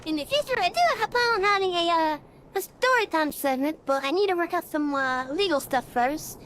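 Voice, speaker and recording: High-pitched woman through an AI voice changer. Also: a little fast, a bit bright, slight background noise. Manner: rambling, chatty, frequent fillers. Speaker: streamer. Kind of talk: casual gaming stream chat.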